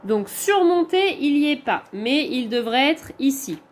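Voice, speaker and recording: Slow, patient high-voiced French woman teacher. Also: very animated. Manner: slow, patient, pointing things out step by step. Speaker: primary school teacher. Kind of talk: recorded homework correction for pupils.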